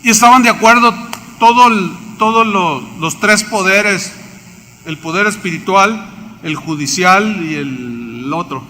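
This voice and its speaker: A man with a Mexican accent preaching a sermon as pastor, animated, acting out biblical characters and asking the congregation questions. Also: high voice, measured pace. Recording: reverberant hall, faint background noise.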